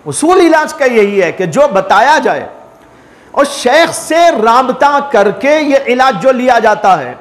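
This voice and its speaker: A man's voice: extremely high pitch, very animated, fairly bright tone. A man preaching a sermon as a mufti, earnest and repetitive, teaching through parables and rhetorical questions. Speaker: mufti giving a spiritual talk.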